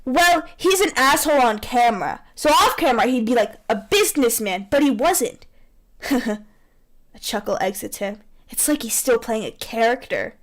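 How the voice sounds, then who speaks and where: A woman reads fan fiction aloud with playful banter in a fairly high voice, her intonation lively and her pace normal. She's theatrical, bossy, and giggly, and her amateur microphone is poor quality.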